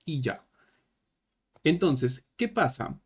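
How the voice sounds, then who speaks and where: Guy teaching japanese to beginners, talks slow, keeps asking ¿no? ¿sí?. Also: a little high, sing-song, breathy edge. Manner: slow, repetitive, checking in with "¿no?" and "¿sí?". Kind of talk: classroom lesson.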